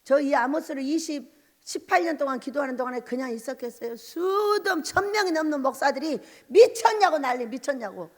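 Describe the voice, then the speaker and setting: A woman's voice: high voice, brisk. A middle-aged woman pastor giving an emphatic sermon full of rhetorical questions, in a mountain church. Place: church sanctuary at a mountain prayer retreat. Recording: long hall reverb.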